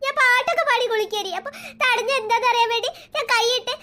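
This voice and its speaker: Scared little cartoon girl, whiny, bright and squeaky, played by a voice actor. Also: fairly even intonation, fast, a little hiss or hum. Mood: tearful. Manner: whiny, tearful storytelling. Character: frightened little cartoon girl, tearful and stubborn. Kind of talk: cartoon voice acting.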